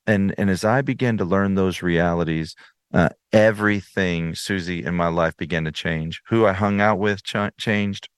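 A man's voice: deep voice, moderate pace, clear, resonant tone, no echo, studio quality. A man in his thirties, an interview guest telling his personal story earnestly, with frequent restarts. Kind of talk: personal testimony in conversation.

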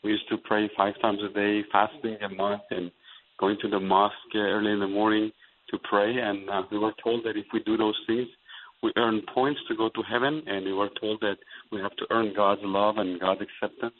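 A man's voice: fairly low pitch, level tone. Man from Iran on a tinny phone line. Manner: earnest, halting with many fillers. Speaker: pastor and interview guest. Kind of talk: phone interview.

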